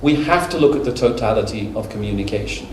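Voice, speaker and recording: A middle-aged man giving a conference talk in a relaxed, anecdotal way, with light humor and plenty of ums. His voice sits mid-range and carries around a reverberant hall. He sounds a bit distant from the mic, with faint noise behind him. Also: medium pitch, fast talker. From United Kingdom. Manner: conversational and humorous, with anecdotes and fillers. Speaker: conference speaker. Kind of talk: conference lecture.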